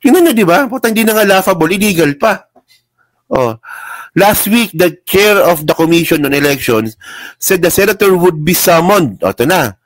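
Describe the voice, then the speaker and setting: A man's voice: high-pitched, lively intonation, normal speed, no room sound, poor audio. A man hosting a casual political commentary livestream, mocking and laughing often as he reads headlines aloud. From Philippines. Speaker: political vlogger. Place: indoors at a laptop.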